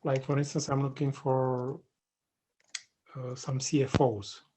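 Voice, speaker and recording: On a noisy video call, a Romanian man taking part in a webinar introduces himself haltingly, pausing often and leaning on fillers. His voice sits in the middle range and barely moves in pitch.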